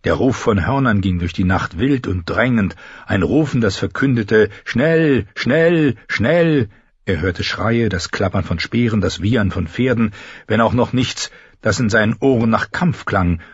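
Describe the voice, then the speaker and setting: A man's voice: on the low side, moderate pace, slightly rough, dry recording. A man reading fantasy fiction aloud as an audiobook narrator. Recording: dull lo-fi recording.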